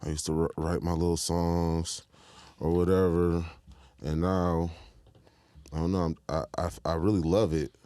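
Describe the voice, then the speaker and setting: A young man from Michigan with a very deep, mellow voice talks easily as a podcast guest, his tone smooth and rounded. He speaks in loose street slang, often checking if you follow him. The studio sound is dry and close. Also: level tone, measured pace, dry recording. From Detroit, Michigan, US. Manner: laid-back, slangy, keeps asking "you feel me". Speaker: guest rapper. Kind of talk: casual interview chat.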